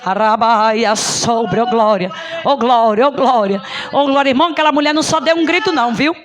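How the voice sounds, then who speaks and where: A woman's voice: sits high, fast. A woman preacher delivering an impassioned Pentecostal sermon at a prayer service, repeating praise cries and breaking into tongues.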